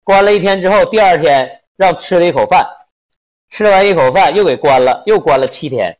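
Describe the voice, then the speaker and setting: A man's voice: high voice, expressive, a little fast, dull audio. A man telling a story casually, crude and colloquial, slipping into voices for the people he quotes.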